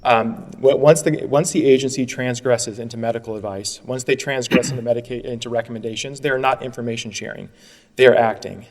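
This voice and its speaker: A man presents an appeal in brisk, rapid speech, restarting phrases as he presses his points. His voice carries a long echo through a large courtroom. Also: medium pitch, fairly even intonation. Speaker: attorney arguing an appeal. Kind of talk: courtroom oral argument.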